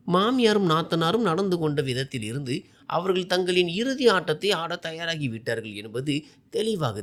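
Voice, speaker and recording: A man narrating a dramatic first-person family story in a scripted storytelling style. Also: a little high.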